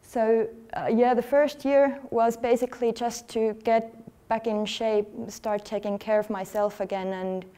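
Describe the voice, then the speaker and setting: Mellow-voiced woman presenting. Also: on the high side, level tone, clear, resonant tone. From Finland. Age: 30s. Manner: earnest, conversational, slightly halting. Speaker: athlete speaking at a workshop. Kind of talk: conference presentation. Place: conference hall.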